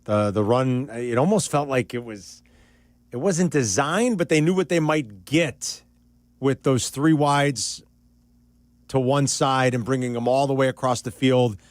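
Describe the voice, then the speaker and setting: A man hosting sports talk radio, excitable and animated as he breaks down a game. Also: mid-range voice, unhurried, no echo.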